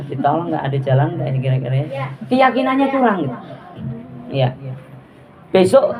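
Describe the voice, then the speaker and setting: A woman giving a religious talk to a group of women, lively and chatty, often asking her listeners questions. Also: medium pitch. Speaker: religious teacher. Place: prayer gathering hall with audience. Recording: audience murmur behind.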